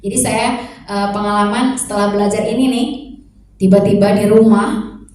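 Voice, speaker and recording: A woman teacher and mother calmly explaining a classroom lesson, posing many rhetorical questions. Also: medium pitch, moderate pace, slight background noise. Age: adult mother. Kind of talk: sharing a lesson reflection. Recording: echoey room, voice far from mic.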